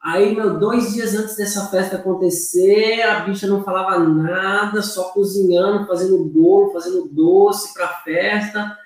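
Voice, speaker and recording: A young Brazilian man with a Brazilian Portuguese accent tells a story as a guest in a casual chat, repeating words and using slangy fillers. His high voice is fairly even in intonation and a little slow with few pauses, recorded far from the mic in an echoey room.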